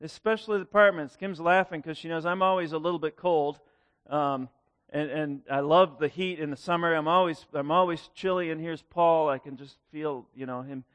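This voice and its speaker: A male pastor gives a chatty, folksy sermon, often repeating words as he goes. His voice sits a little higher than most men's. The sound is close and dry, with no room echo. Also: fairly even intonation, normal speed, a bit bright. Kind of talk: conversational sermon.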